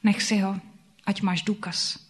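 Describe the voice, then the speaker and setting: A woman doing a gentle, thrifty husband. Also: medium pitch, level tone, slightly rough, natural voice. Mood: tender. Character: frugal, calm husband, gentle and affectionate.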